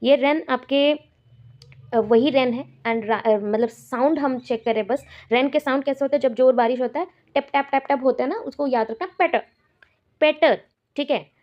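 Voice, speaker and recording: A woman's voice: high-pitched, normal speed, dull audio. A woman teacher from India giving an exam-prep lecture, explaining terms step by step and repeating the key words.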